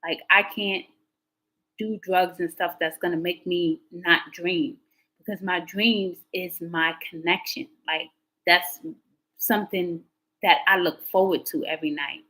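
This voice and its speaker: A woman hosting a live tarot stream, chatting casually to her viewers as a rambling storyteller whose pitch jumps up when she gets excited. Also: unhurried, poor audio.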